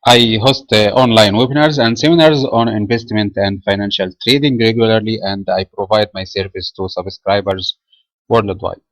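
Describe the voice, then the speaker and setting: A man from Egypt, a trading trainer, reading a market commentary webinar from a script in a measured way with small filler pauses. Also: fairly low pitch, fairly even intonation, fairly bright tone, no room sound, rough recording.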